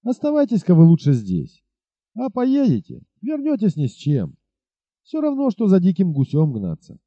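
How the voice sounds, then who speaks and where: A man reading aloud, voicing a burly village innkeeper who gives advice in a folksy, unhurried way. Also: high voice, wildly swooping pitch, no echo, pitched above the performer's own voice, exaggerated voice. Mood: unruffled. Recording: dull lo-fi recording.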